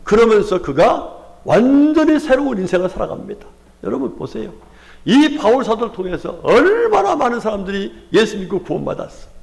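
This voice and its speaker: High, gravelly Chungcheong pastor preaching. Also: male voice, big pitch swings, brisk, a little mellow. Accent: Chungcheong Korean. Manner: rhetorical questions and call-and-response with the congregation; frequent exclamations of hallelujah. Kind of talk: Sunday sermon.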